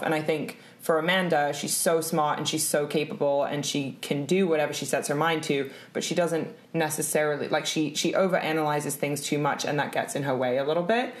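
A woman in her late twenties chats casually as an interview guest, leaning on "like" as she talks. Her voice is deep for a woman. The room adds a roomy echo. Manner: chatty, fillers of "like". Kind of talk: casual chat.

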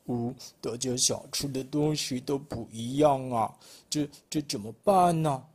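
A man voicing a bossy, fickle wolf in a storybook reading, booming and excitable. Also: a little slow, close to an everyday voice. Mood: scheming. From Malaysia.

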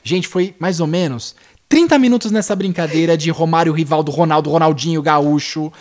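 Um homem brasileiro contando uma história de viagem em conversa descontraída, imitando as falas dos outros com mudanças grandes na voz. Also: male voice, fairly high pitch, a little fast. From Brazil. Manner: animated, acts out dialogue with big shifts in voice. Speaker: storyteller. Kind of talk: casual travel storytelling.

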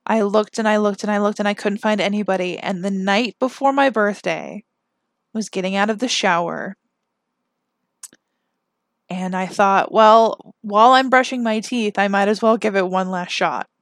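A woman's voice: mid-range voice, normal speed, no room sound, clean studio sound. A young woman hosting a podcast, telling a personal story in a chatty, self-deprecating way that turns emotional at times. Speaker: podcast host. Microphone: camera mic.

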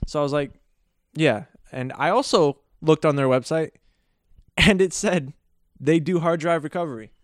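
Male podcast host, smooth clear voice, dry close sound, jokey rambling delivery with self-corrections. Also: on the high side, normal speed, no room sound. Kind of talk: casual solo podcast storytelling.

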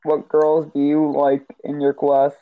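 A teenage boy hosting a gaming podcast, chatting casually and teasing his friend in a deadpan way. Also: fairly high pitch, a little slow. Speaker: podcast host. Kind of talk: casual chat while gaming. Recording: tinny phone-like line, faint hiss.

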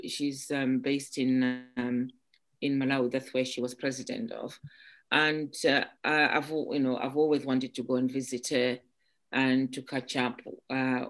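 A woman from Zimbabwe, an entrepreneur guest in an interview, who talks haltingly with many restarts and "um"s. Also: very deep voice. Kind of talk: casual interview chat.

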